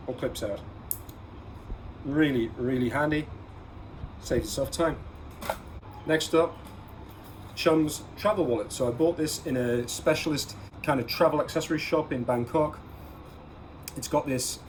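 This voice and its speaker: On a rough recording with distinct ambient noise, a medium-pitched man hosts a relaxed everyday-carry gear vlog. He explains products in an advising, instructive manner, stressing key words.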